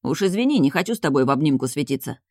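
A woman voicing a flippant young male dragon, friend of the duke, in an audiobook, lowering her voice. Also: expressive, rapid-fire, mellow, no echo, clean studio sound. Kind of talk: audiobook character voice.

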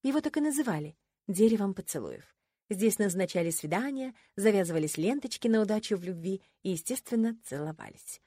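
A woman narrating a first-person audiobook with a wry, ironic, expressive delivery. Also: medium pitch, brisk, dry recording, clean studio sound.

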